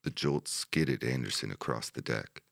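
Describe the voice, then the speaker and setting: A man narrating a wartime history audiobook in a steady, measured manner. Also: a bass voice, vocal fry, dry recording, clean studio sound.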